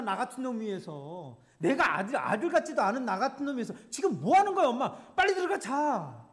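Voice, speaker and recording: A man's voice: extremely high pitch, pitched above the performer's own voice. A man voicing a remorseful young son who lashes out at his mother in frustrated, ashamed exasperation.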